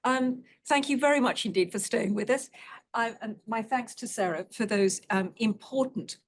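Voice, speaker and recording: A woman's voice: a little high, normal speed. A woman chairing a conference session, moderating in polite, formal phrasing.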